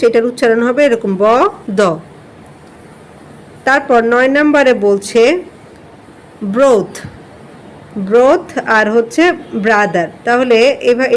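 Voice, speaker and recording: A woman's voice: a little high, slight background noise. A woman from Bangladesh teaching an online English class, patiently spelling out words and explaining their pronunciation.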